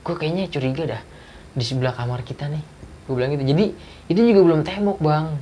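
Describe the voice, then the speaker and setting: A man tells a personal ghost story in a relaxed, slangy way. He acts out every voice in his retelling. A faint hiss runs underneath the recording. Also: on the high side, quick pace. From Jakarta. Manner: animated retelling with acted dialogue, slangy. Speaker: guest storyteller. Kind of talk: casual ghost story telling.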